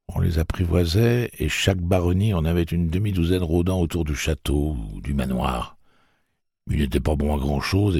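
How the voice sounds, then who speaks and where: A man voicing a calm, weathered adult gunslinger who speaks in a knowing way. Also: a bass voice, gravelly, slightly rough, no echo, studio quality, full character voice.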